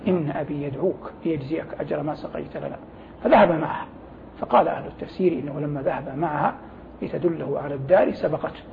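This programme guest, a religious scholar, has a slightly high, gravelly voice. He explains scripture didactically in formal Arabic, reciting quotations and pausing to gloss phrases, over a thin phone-like recording with faint noise.

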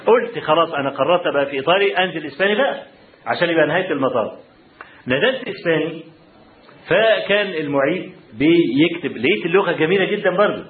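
A man with an Egyptian Arabic accent telling students about his college days, animated, often checking in with the audience. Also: fairly high pitch, quick pace, reverberant, narrow, tinny audio, a little hiss or hum. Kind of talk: storytelling talk to students. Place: lecture hall.

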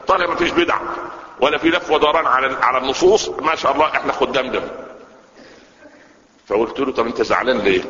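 A man's voice: medium pitch, slight background noise. A man in his sixties with an Egyptian Arabic accent, preaching a colloquial sermon and throwing rhetorical questions at his listeners. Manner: animated, asks the audience rhetorical questions. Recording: echoey hall, dull lo-fi sound.

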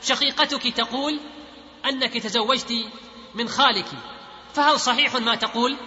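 A man's voice: extremely high pitch, steady tone, normal speed, bright, forceful tone, heavily acted. A man reading the questions of a probing male talk-show host, in an echoey hall on a dull lo-fi recording. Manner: questioning, read out plainly.

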